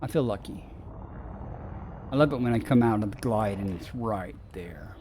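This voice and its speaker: A man's voice: fairly low pitch, lively intonation, moderate pace, mellow, slight background noise. A man streaming a space game, chatting casually with viewers and musing aloud with dry sarcasm. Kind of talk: casual gameplay chat with viewers.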